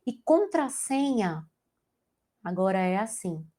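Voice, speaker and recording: Her voice is mellow and medium-pitched, swinging widely in pitch at a slow pace. She is a young Brazilian Portuguese teacher with a Brazilian accent, walking a class through exam-prep grammar and checking understanding with tag questions.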